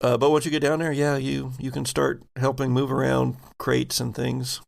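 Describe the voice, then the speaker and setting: As game master of a tabletop game, a man improvises descriptive narration, halting with pauses mid-sentence. His mid-range voice has vocal fry and little pitch movement.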